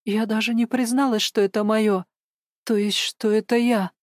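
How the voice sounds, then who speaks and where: A woman's voice: a little high, steady tone, moderate pace, a little mellow, dry recording, studio quality, natural voice. A woman voicing a tearful, frightened woman who mumbles and hesitates. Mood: flustered.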